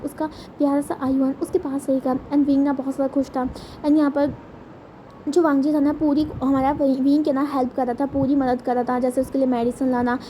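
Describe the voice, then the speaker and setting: High-voiced woman retelling a story casually. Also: dark tone, a little hiss or hum. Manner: chatty, repetitive, self-correcting. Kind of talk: casual fan-fiction retelling.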